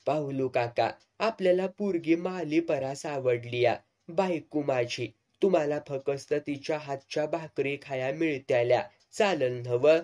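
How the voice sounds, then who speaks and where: A cheeky, eager young village man in a storybook reading, put on by a male narrator. His rustic speech runs keen and boastful, pitched a touch high. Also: a little slow, darkish tone, lightly acted.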